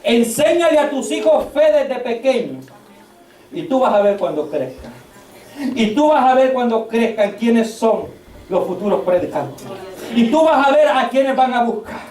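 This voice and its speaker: A man preaching a sermon as pastor, fervent, swinging between loud shouts and hushed storytelling. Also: very high-pitched, animated, normal speed. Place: church. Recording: echoey church hall, mic at a distance.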